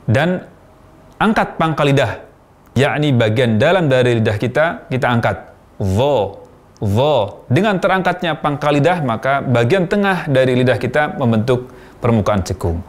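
Radio tutor, male, patient and deliberate, repeats sounds for the listener. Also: mid-range voice. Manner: slow, careful demonstration of sounds. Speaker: Quran pronunciation teacher. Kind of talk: radio pronunciation lesson.

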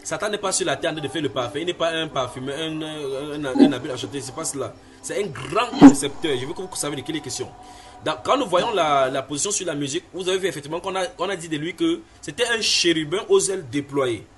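A fast-talking preacher, his voice on the high side and a bit bright, teaches from the Bible in a sermon. He makes his points emphatically, returning to phrases and asking his listeners questions.

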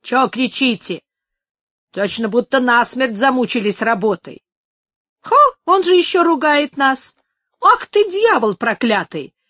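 A woman's voice: high voice, animated, unhurried, no room sound, voice pushed up, full character voice. A woman doing rowdy cursing laborers. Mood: angry. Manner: shouting, cursing. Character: rowdy quarrelling male laborers.

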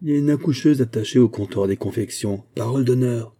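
A man's voice: mid-range voice, quick pace, dark tone, dry recording, pitched above the performer's own voice, lightly acted. A man reading aloud, voicing a teasing young male shop clerk in a storybook.

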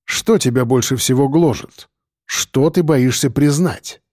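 A man doing a calm, fatherly priest. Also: medium pitch, dry recording, studio quality, close to an everyday voice. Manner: slow, gentle, instructive. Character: middle-aged priest, calm, patient, fatherly.

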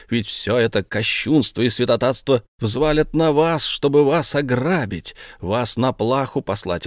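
A man's voice: a little high, no room sound, clean studio sound, pitched above the performer's own voice, lightly acted. A man voicing Ulenspiegel, a bold young trickster haranguing a crowd with passion. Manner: impassioned, pleading.

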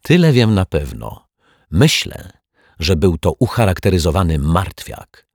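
A man's voice: deep voice, big pitch swings, measured pace, gravelly, darkish tone, no room sound, clean studio sound, full character voice. A man voicing a fussy, cheerful detective who talks politely and eagerly. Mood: knowing. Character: fussy cheerful small-office male detective.

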